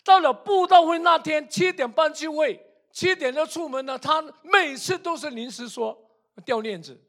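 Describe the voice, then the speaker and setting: Emphatic high-voiced older preacher. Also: male voice, moderate pace. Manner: emphatic, repetitive rhetorical questions; swings from soft asides to loud outbursts. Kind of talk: sermon.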